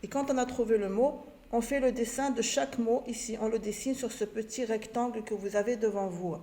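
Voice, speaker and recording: A woman teacher giving a patient lesson to young children, sounding out syllables slowly one by one. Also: fairly high pitch, fairly even intonation, mellow. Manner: slow, patient, spells out syllables. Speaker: primary school teacher. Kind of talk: recorded home-learning lesson.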